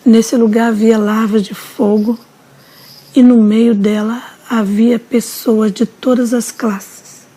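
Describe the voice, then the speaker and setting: Slow, husky-voiced woman narrating solemnly. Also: a little high, level tone, warm tone. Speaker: narrator of a testimony. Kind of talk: slow dramatic testimony narration.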